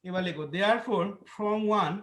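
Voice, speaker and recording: High-voiced Bengali man dictating slowly. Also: a bit bright. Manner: dictating, slowly repeating phrases for note-taking. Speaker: maths teacher. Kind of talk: classroom lesson, dictating solution steps. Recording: echoey classroom.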